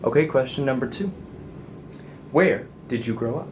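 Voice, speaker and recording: A man's voice: medium pitch, lively intonation, normal speed, a little hiss or hum. A young man hosting a student interview, reading his questions in an upbeat, scripted way. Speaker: host, video producer.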